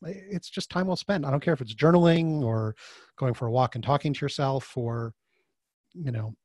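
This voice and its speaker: This is a casual interview where a male author and design facilitator joins a podcast by video call, his mid-range voice moving at a moderate pace with no room sound. Animated throughout, he acts out the voices in his stories.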